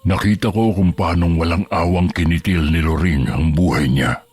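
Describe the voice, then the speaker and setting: A man voicing a calm, grave older villager who tells dark secrets slowly in a horror audio story. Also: low-pitched, slightly rough, dry recording.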